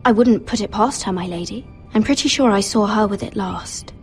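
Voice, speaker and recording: An actress playing a guarded, deferential young handmaiden in a video game drama, keeping herself controlled. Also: female voice, medium pitch, moderate pace, faint music behind, lightly acted. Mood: accusing. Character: guarded, self-possessed young handmaiden to a noble lady.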